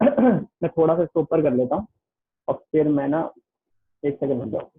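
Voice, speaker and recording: A man teaching an online class with a Hindi accent, chatty and repetitive, reading the textbook aloud slowly in English. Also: fairly high pitch, expressive. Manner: chatty, keeps saying "listen carefully", reads the textbook slowly in English. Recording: tinny phone-like online class audio.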